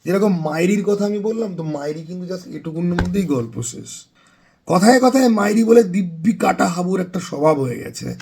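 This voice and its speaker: A man's voice: sits high, animated, normal speed, gravelly, a little mellow, slightly rough. A man reviewing a book in a chatty vlog, mixing in English words and stumbling over some sounds. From West Bengal, India.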